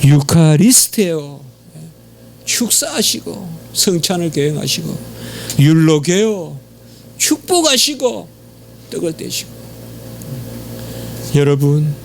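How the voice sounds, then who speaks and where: A man's voice: creaky, a little hiss or hum. A middle-aged man with a Gyeongsang Korean accent preaching a sermon as pastor, emphatic, with frequent affirming fillers. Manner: emphatic, pitch leaps on exhortations, frequent "예" fillers. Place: church sanctuary.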